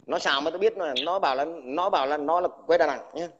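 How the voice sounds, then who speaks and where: A combative ex-army man lets loose a furious livestream rant, crudely insulting the listener at a quick pace. His pitch is somewhat raised and a bit bright, and he stutters on repeated words when agitated. The lo-fi recording is dull, with slight background noise.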